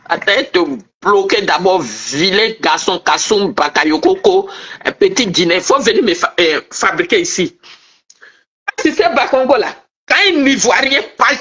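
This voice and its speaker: A middle-aged Ivorian woman with a high, sharp-toned voice and an Ivorian French accent rails at online viewers in a heated political rant. She scolds and taunts while her nose is stuffed up from a cold.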